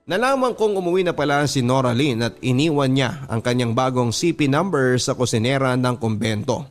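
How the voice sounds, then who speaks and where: Reading listener letters aloud as dramatic first-person accounts, this Filipino-accented radio story host uses an expressive, mid-range voice at a moderate pace. Music plays beneath him throughout.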